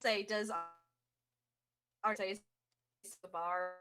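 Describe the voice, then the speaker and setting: A woman's voice: medium pitch, steady tone, very slow, a bit bright. A woman playing a tabletop game over a voice call whose audio keeps cutting out and breaking up, laughing and apologizing at the dropouts. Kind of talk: casual play over a voice call. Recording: choppy distant online call audio.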